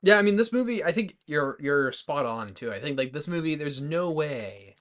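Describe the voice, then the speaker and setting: Over drinks, this twenty-something podcast co-host talks informally, somewhat hesitantly, about movies. His voice sits a little high and is sing-song and slightly bright, at a normal pace.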